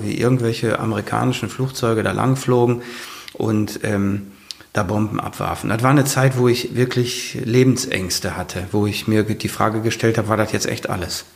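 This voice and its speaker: A man in his fifties tells his story in a relaxed interview. He is earnest and rambles, with frequent fillers and restarts. His pitch sits in an ordinary middle range. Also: creaky. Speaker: guest, firefighter and author. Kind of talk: casual conversational interview.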